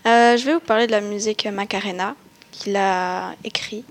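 A woman presenting a music artist in a read-out presentation, pausing often with filler sounds. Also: mid-range voice, steady tone. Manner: hesitant, many filler pauses. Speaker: presenter introducing a rapper. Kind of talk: read-out school-style presentation.

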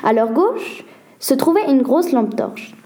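A woman reading a children's mystery story aloud as a steady, even narrator. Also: high-pitched, slow pace.

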